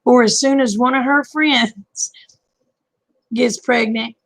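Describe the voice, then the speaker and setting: Woman, 50s, stream host, casual folksy chat, slightly high voice with a gravelly edge. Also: steady tone, takes it slowly, a bit bright, no room sound, poor audio. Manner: folksy and talkative, chuckles often.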